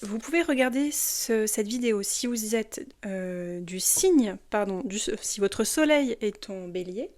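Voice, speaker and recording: A woman's voice: medium pitch, animated, measured pace, hardly any pauses, darkish tone. A woman giving a casual monthly tarot reading. She hesitates and stumbles over her words, with many fillers. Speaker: tarot reader.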